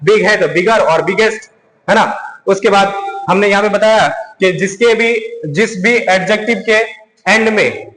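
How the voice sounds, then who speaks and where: A male teacher giving a grammar lesson, asking questions and answering them himself, and repeating key words slowly. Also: sits high, a bit bright. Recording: echoey room with long reverb.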